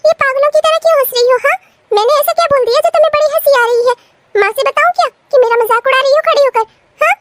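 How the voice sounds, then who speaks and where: A woman's voice: extremely high pitch, fast talker, few pauses, recorded from a distance, slight background noise. A woman voicing a spoiled, bratty young woman in a cartoon, who whines and makes demands. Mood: indignant. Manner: whiny, demanding, indignant. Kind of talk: cartoon voice acting.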